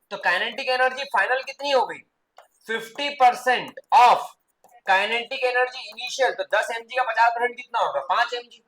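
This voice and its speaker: A man teaching physics in a classroom, quizzing students with quick repeated questions and mixing English terms into his explanations. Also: very high-pitched, fairly bright tone, low-quality recording. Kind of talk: classroom lecture.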